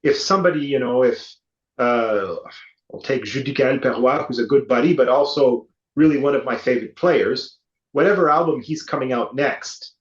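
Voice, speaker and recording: A man with a middle-pitched voice asks questions and muses aloud. His speech is hesitant and full of restarts. He sounds distant in an echoey room, and the recording is dull and slightly muffled. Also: moderate pace. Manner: thinks aloud, hesitant, rambling. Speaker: interviewer, guitarist. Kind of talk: interview questions and chat.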